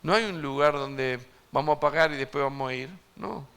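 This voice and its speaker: A man preaching an evangelistic sermon to a congregation, emphatic and swinging between loud and hushed, asking his listeners direct questions. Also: fairly high pitch, normal speed, clean tone. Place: church service before a congregation.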